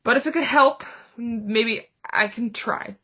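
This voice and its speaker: A woman acts out a small, timid piglet with a bright, fairly high voice. The little creature is anxious and unsure of itself, speaking slowly and haltingly with a stammer, as a character in a role-played drama. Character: small anxious piglet, timid, self-doubting, eager to try.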